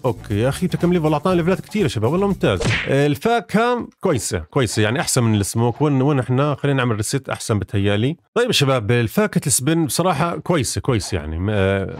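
Fast-talking gaming YouTuber. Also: male voice, mid-range voice, very animated, soft background music. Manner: rambling, chatty, addresses viewers as guys. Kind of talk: casual gameplay commentary.

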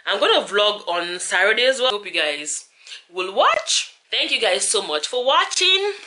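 Wrapping up her vlog from the couch at night, a young woman talks to a camera held at arm's length, tired and rambling, peppering her chat with "like" and "you feel me." Her medium-pitched voice is sing-song, bright and forceful at normal speed, though tiredness makes it deeper than usual.

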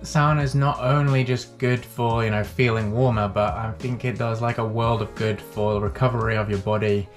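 Relaxed man vlogging in a sauna. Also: moderate pace, few pauses, soft background music. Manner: relaxed, low-key, sitting still. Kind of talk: casual vlog chat. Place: small wooden sauna. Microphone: action camera at arm's length.

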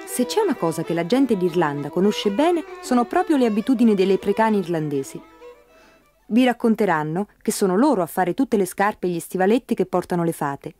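Animated woman telling a storybook tale. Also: medium pitch, a little fast, soft background music. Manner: animated, dramatic. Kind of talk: expressive audiobook storytelling.

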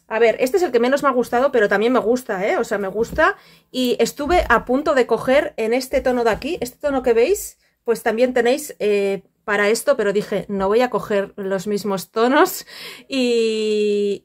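A woman's voice: on the high side, a little slow. Chatty woman vlogging. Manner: chatty, affectionate, many fillers. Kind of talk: casual chat to camera. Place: outdoors by a home pool.

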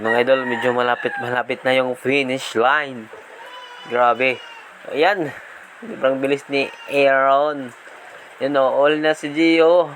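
A man with a slight lisp from missing front teeth, giving excited casual commentary as a vlog host outdoors. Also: medium pitch. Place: outdoors on a rural road, partly riding a motorbike. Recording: outdoor noise, passing motorbikes.

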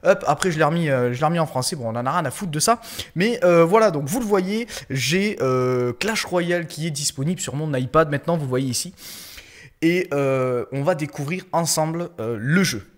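A man giving casual gameplay commentary as a gaming YouTuber, hesitant with many fillers and restarts, breaking into excited outbursts. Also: fairly high pitch, moderate pace.

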